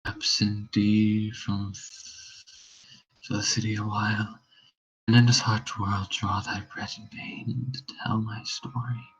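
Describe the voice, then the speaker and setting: A man playing a dying, anguished Danish prince in a verse drama, with a faint, halting deathbed delivery. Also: fairly low pitch, level tone, a bit bright. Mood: fading, resigned. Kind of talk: amateur read-through of Shakespeare verse drama. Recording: dull, lo-fi, faint noise.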